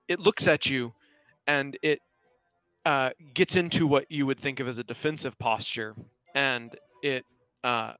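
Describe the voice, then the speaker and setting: A man narrating as game master of a tabletop game, describing a creature with many pauses and restarts. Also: medium pitch, fairly bright tone, dry recording. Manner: hesitant, many restarts and fillers.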